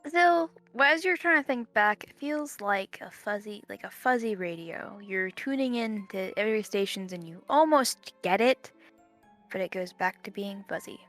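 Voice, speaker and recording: A woman narrating as game master in a tabletop game, hesitant and quick to laugh, often restarting her sentences. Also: medium pitch, expressive, a bit bright, soft background music.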